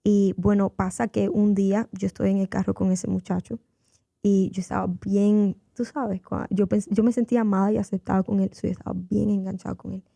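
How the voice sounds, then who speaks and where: Dark, gravelly-voiced woman telling her testimony. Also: medium pitch, level tone, a little fast, no echo. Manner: earnest storytelling, acting out quoted voices; mixes in English fillers. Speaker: guest giving her testimony. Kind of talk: personal faith testimony on a radio interview. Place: radio studio.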